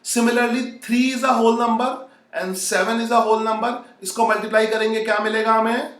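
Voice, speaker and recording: A man's voice: very high-pitched, fairly even intonation, rapid-fire, fairly bright tone. A man with an Indian accent teaching a live online maths lesson, mixing Hindi phrases into English, repeating himself and often checking understanding. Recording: echoey room, distant microphone.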